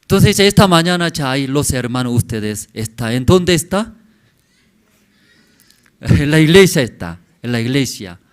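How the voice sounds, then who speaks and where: A male pastor in his forties preaches to his church congregation at a deliberate, slow pace. His pitch swings widely as he builds his points in brief, simple phrases. He often pauses to ask the listeners a quick "mm?". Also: sing-song, clear, resonant tone. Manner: halting simple phrasing with frequent questioning "mm?" tags to the congregation. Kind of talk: sermon.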